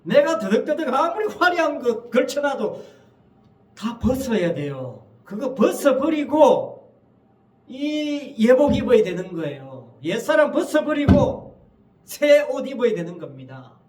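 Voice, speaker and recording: A male pastor preaches a Sunday sermon in a church sanctuary, emphatic and full of rhetorical questions to the congregation. His extremely high voice is sing-song, unhurried and a little mellow. The recording is echoey, with the mic at a distance in the church hall.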